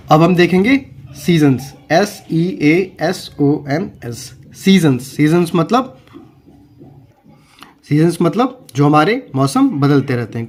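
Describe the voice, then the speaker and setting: Male teacher for an online lesson, unhurried delivery, drills spellings letter by letter and repeats each word. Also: on the high side. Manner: spells words letter by letter and repeats them slowly; asks questions to the viewer and answers them himself. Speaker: English teacher. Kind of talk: online English lesson in Hindi.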